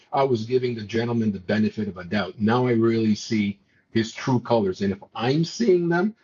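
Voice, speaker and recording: This Montreal, Quebec native, not a first-language English speaker, chats about politics on a talk show with evident exasperation, frequently tripping over and restarting his sentences. He speaks at medium pitch, the audio is dull, and there's slight background noise.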